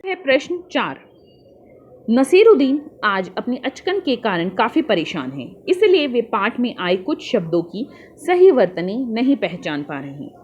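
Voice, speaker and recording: A woman teacher patiently walking young children through a worksheet, spelling out answers slowly and calling her pupils "beta". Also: a little high, big pitch swings, darkish tone, dull audio, a little hiss or hum.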